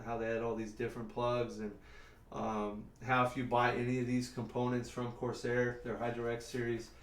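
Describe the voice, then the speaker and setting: A middle-aged man chatting casually on a live stream, rambling and answering viewers as he works in a warehouse workshop. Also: medium pitch. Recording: roomy sound, mic at a distance.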